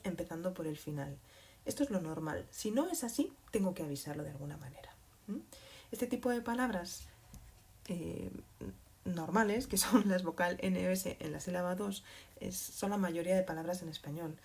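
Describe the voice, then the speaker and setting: Woman, Spanish teacher, patient, slow and deliberate, warm low-toned voice, slightly husky. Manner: patient, checks in with frequent "mm?"; slow and deliberate, spells out examples. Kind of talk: explaining grammar to learners.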